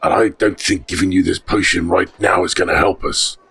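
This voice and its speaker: Male game player, relaxed conversational delivery. Very gravelly and rough-edged voice, casual table chat. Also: deep voice, fairly quick.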